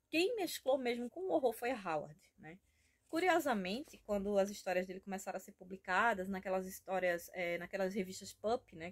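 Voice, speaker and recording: Chatty Brazilian woman vlogging about books. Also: mid-range voice. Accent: Brazilian Portuguese. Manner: chatty and enthusiastic, rambling with frequent tag questions. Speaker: book vlogger. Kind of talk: casual homemade reading vlog. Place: at home.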